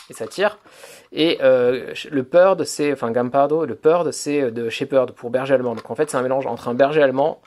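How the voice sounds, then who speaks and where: Male toy reviewer, mid-pitched, fry-tinged voice, hesitant step-by-step demo delivery. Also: a little hiss or hum. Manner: hesitant, filler-heavy explaining, "donc voilà"; talks to camera while handling a toy. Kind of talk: hands-on toy review demonstration.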